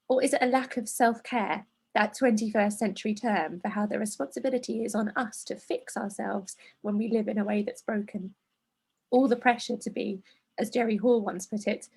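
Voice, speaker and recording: A woman's voice: medium pitch, a little mellow, slightly rough. A woman co-hosting a podcast, chatting and reading aloud a listener's letter, emotional and laughing through tears. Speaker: podcast co-host. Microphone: video call.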